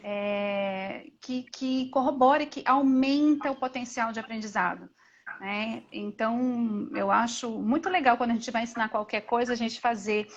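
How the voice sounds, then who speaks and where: A Brazilian mother talks in a lively, animated way, often restarting her phrases. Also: on the high side, moderate pace. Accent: Brazilian Portuguese. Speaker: guest, mother. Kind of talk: casual conversation. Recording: dull lo-fi audio with faint noise.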